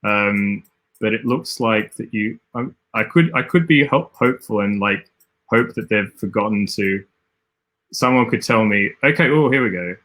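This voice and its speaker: A man's voice: lowish voice, moderate pace, a bit bright. An Australian man casually commentating a livestream while he plays, rambling and thinking aloud with frequent self-corrections. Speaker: game design streamer.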